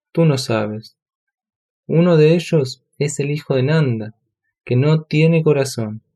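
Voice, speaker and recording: A man's voice: on the high side, warm tone. A man voicing a grieving blind old hermit in a storybook reading, plaintive and brusque.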